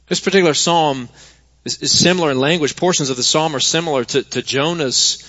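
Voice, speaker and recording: A man's voice: on the high side, a little fast, a bit bright. A man preaching a sermon to a congregation in a conversational way that builds to emphatic stretches. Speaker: pastor. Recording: dull sound with long hall reverb.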